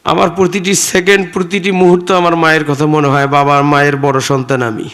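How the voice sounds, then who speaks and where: A man's voice: fairly high pitch, little pitch movement, fairly bright tone, smooth. A man with a Rangpur Bengali accent preaching a tearful, emotional sermon, calling out questions to the crowd. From Bangladesh. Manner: addresses the crowd with questions, breaks into slow sung verses.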